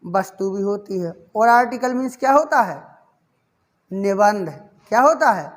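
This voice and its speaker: A male English grammar teacher lectures his class in a high, expressive, unhurried voice. He keeps posing questions to the students, answers them himself, and affectionately calls them "child."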